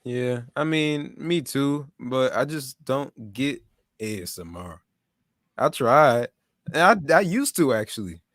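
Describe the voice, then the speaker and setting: A man's voice: medium pitch, animated, slow, fairly bright tone, no echo, clean studio sound. A young man hosting a casual tech livestream, talking in a laid-back, rambling way with restarts. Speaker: livestream host. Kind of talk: casual chat.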